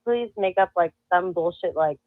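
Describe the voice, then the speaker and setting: Speaking at a moderate pace in a fairly low voice, a woman guest shares a story during a casual chat, laughing frequently and voicing the quotes herself. Her manner is lively. It sounds like a tinny phone call, recorded dry.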